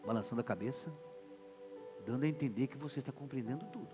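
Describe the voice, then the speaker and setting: A man, preaching a sermon as pastor and acting out what husbands and wives say in lively voices. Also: medium pitch, fast talker. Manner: animated preaching, acts out quoted wife and husband voices. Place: church. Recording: reverberant church hall with music behind.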